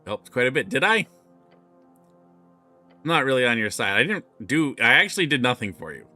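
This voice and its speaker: A man plays through a story-driven game on stream and reads its lines aloud. His voice is very bright and jumps around in pitch as he reacts. Soft game music sits quietly underneath. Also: a little fast. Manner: lively reading with swings in pitch and pace. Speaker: streamer reading game dialogue. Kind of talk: casual game playthrough, reading text aloud.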